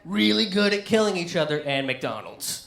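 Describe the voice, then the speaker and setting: A squealing, gloating whale jeers at humankind in a shrill, piercing voice that shoots far above a normal speaking range, put on by a man in a stand-up set. It sounds like a jab tossed off mid-routine. The sound carries the ring of a live room. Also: very animated, normal speed, creaky, fairly bright tone, roomy sound, heavily acted. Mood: mocking.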